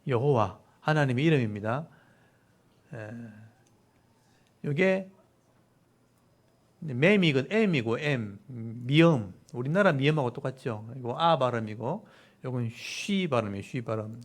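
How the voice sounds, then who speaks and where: A male pastor giving a sermon to his congregation, at a mid-range pitch. He moves between reading scripture slowly and explaining the meaning of old words in a plain, teaching way. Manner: expository preaching, explaining Hebrew words and reading verses aloud.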